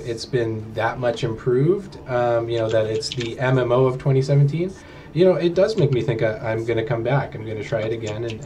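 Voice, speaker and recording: A man's voice: mid-range voice, darkish tone. Hesitant man hosting casual talk, noisy recording. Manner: hesitant, halting delivery with many ums. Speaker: host of a gaming discussion show.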